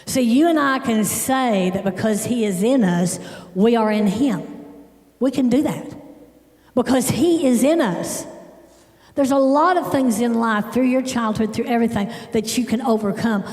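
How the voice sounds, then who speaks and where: A middle-aged woman giving a sermon in a church, telling personal stories in an emphatic, animated way. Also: on the high side, measured pace. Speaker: church speaker. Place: church sanctuary. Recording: echoey church hall with long reverb.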